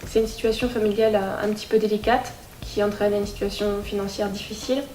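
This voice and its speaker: A woman's voice: mid-range voice, level tone, fast talker, warm tone, echoey room. A young woman, a resident in an interview, speaking in an articulate, composed way. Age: young adult. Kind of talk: casual interview.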